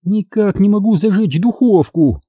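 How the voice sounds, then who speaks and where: A man voicing a distracted, stern mother who speaks curtly and high. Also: moderate pace, dark tone, slightly rough, no echo, clean studio sound. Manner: curt, dismissive.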